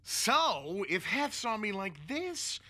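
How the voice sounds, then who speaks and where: Salem, a sarcastic cat. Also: male voice, high-pitched, big pitch swings, takes it slowly, sharp tone, heavily acted. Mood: sardonic. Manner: sardonic, dramatic, wheedling. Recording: cartoon dialogue with music behind.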